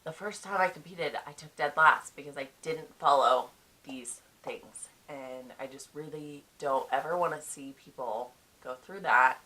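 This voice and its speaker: A woman's voice: sits low, measured pace, bright, forceful tone, rough recording. A young woman talking casually to camera, giving frank advice on competing, with many ums. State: chewing a cough drop. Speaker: bikini fitness competitor.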